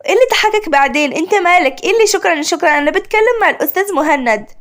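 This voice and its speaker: A woman voicing a spoiled, proud young woman engineer with an Egyptian Arabic accent and a sharp-tongued, indignant manner. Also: very high-pitched, expressive, brisk.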